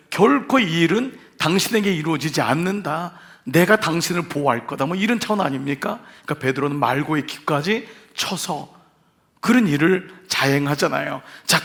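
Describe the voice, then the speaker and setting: A male pastor preaching an evening revival sermon in a church sanctuary. His voice sits a little higher than most men's, and he plays out quoted speech with dramatic swings between loud and soft. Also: expressive, moderate pace, vocal fry. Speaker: senior pastor.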